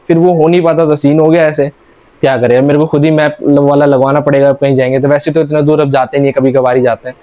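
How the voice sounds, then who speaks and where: A man's voice: medium pitch, mellow. A young man from India telling a rambling, casual vlog story with many restarts. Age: young adult. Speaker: vlogger.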